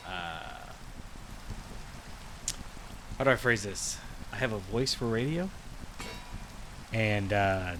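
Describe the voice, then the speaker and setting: A gaming video creator gives casual, rambling commentary as he plays, thinking out loud and restarting his sentences a lot. His voice is lowish, and he records in a cold room with a heater, so the background is noisy.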